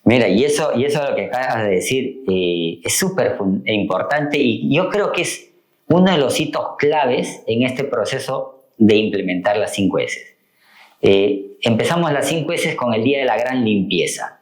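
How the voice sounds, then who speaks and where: Man, podcast guest, animated storyteller, mid-pitched voice, reverberant room. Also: moderate pace. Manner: storytelling, acts out quoted dialogue. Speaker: guest, continuous improvement engineer. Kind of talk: casual podcast conversation.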